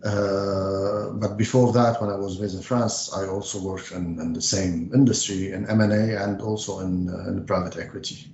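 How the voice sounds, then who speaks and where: Low gravelly man, measured. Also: fairly even intonation, a little mellow, reverberant, lo-fi sound, a little hiss or hum. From Lebanon. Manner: measured, frequent hesitations. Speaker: investment banker guest. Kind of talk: interview answers.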